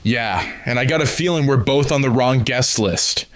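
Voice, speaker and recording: A man's voice: mid-range voice, moderate pace, a little hiss or hum, lightly acted. A man voicing a blunt, terse clawed mutant fighter, read in a plain storytelling voice. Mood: flat. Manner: clipped, flat and blunt.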